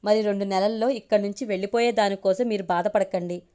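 Storybook figure: a gentle, sorrowful young woman, read by a woman, soft pleading. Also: medium pitch, steady tone, fast, clean tone, close to an everyday voice.

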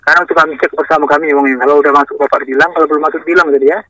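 A man's voice: a little high, fairly even intonation, racing, sharp tone, dry recording, far from the mic. A man on a phone call giving repetitive, insistent instructions and often checking that he is understood. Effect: heard over the phone. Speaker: phone scam caller.

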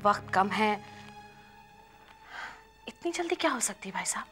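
A woman's voice: mid-range voice, expressive, unhurried, a bit bright, soft background music. An actress playing a worried aunt pressing her brother with questions in a TV serial drama. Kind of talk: TV serial acting.

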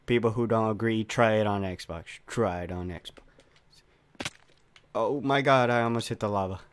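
A man's voice: moderate pace, slight background noise. A young man narrating his own game attempts, swearing and yelping in frustration when he fails. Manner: raging, swearing, voice cracking high when failing. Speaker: gamer. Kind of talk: Minecraft parkour gameplay commentary.

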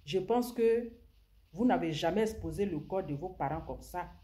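Vlog commentator, indignant scolding rant, repeats words, medium pitch. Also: lively intonation, normal speed, dark tone. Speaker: social media commentator.

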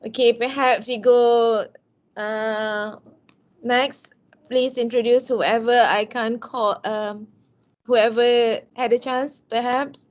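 A woman's voice: a little high, fairly even intonation, takes it slowly. Chatty woman hosting a video call. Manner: chatty, calls on guests by name. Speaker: meeting host. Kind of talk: hosting an online meeting. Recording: dull lo-fi sound.

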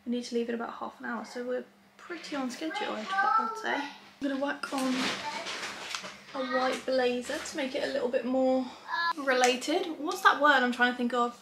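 Young woman vlogging, high voice, bit lispy, chatty and upbeat, lots of noise behind her. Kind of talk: casual vlog chat.

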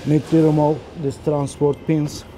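A man in his thirties on a factory floor, explaining machine installation step by step in halting, simple phrasing. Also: fairly high pitch, level tone, heavy background noise. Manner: halting non-native phrasing, slow and step-by-step. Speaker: technician demonstrating machine installation. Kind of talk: instructional walkthrough.

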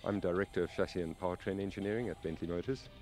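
A man engineer answering interview questions outdoors at a race track, measured and hesitant. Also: deep voice, a little mellow, faint music behind. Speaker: automotive engineer.

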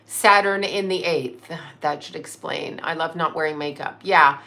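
A woman's voice: deep voice, measured pace, gravelly, sharp tone. A woman in her fifties chatting casually on a livestream, rambling from topic to topic and answering viewers' comments aloud. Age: 50s. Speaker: livestream host. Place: in a car.

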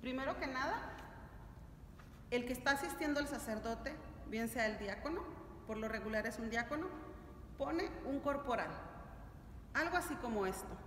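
The middle-aged woman teaching catechism to families has a fairly high, slightly bright voice with lively intonation, a moderate pace and long pauses. Her style is didactic with check-in questions, and the recording from a camera a few steps away is echoey and noisy in the stone church.

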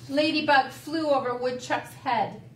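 A woman librarian reading a storybook aloud to children, gentle and expressive, in a library. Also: high voice, measured pace, a little hiss or hum. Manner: sing-song, gentle, expressive. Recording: roomy, distant mic.

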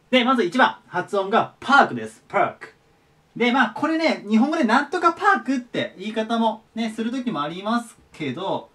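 A man giving a casual vocabulary lesson, friendly and polite, repeating each word slowly and clearly. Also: high voice. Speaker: English teacher. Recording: voice a bit far from the mic.

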